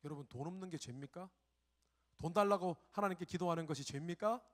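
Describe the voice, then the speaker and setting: A middle-aged pastor preaching a sermon who swings between hushed reflection and loud, pleading cries and acts out his own prayers. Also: sits high, fast.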